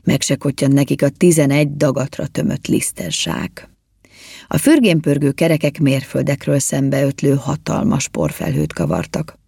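A woman reading a children's storybook aloud in a lively, expressive way. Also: a bass voice, vocal fry, slightly rough, dry recording, clean studio sound. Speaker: narrator.

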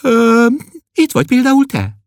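A man's voice: extremely high pitch, no echo, studio quality, voice pushed up, exaggerated voice. A man voicing a bossy, chatty young girl. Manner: lively, coaxing, then stern.

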